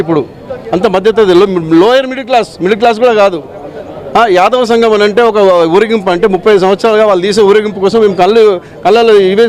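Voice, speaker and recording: A local man speaking in a street interview, angry and pleading. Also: sits high. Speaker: local resident.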